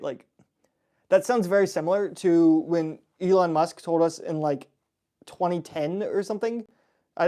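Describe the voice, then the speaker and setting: This is a young man running an easygoing livestream Q&A, where he reads out questions from viewers and responds in a chatty manner. His voice is slightly high and warm, and his answers are sprinkled with fillers and laughter.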